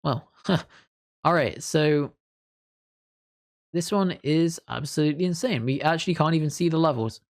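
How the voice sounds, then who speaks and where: A man's voice: on the high side, normal speed, long pauses. Easygoing man narrating his gameplay. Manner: chatty, thinks aloud while playing; mild, understated reactions. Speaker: gaming video creator. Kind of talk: casual gameplay commentary.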